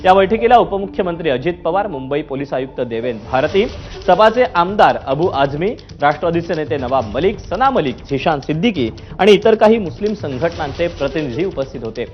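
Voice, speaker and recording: A man with a fairly high, expressive voice reads scripted news at a fairly quick pace, his delivery emphatic and formal. The broadcast audio is muffled, with a news music bed playing behind him.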